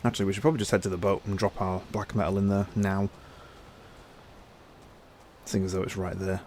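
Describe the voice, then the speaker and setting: A gaming channel host with a cold gives casual gameplay commentary, his nose stuffy as he chats easygoingly and thinks aloud. The young man's deep, slightly mellow voice is flat and fairly quick, with slight background noise.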